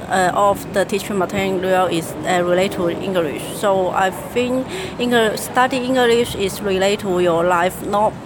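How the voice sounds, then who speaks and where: Slow, halting young woman with Chinese accent. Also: medium pitch, noisy background. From mainland China. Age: young adult. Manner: halting, hesitant, repeats and searches for words. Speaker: university student interviewee. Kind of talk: interview answers in second-language English.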